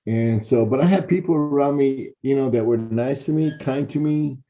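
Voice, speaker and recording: On a dull, lo-fi recording, a dark-voiced man of medium pitch lectures students at a normal speed. He's a university professor from Chicago, Illinois, sharing personal stories conversationally, speaking to them directly and often repeating himself or starting over.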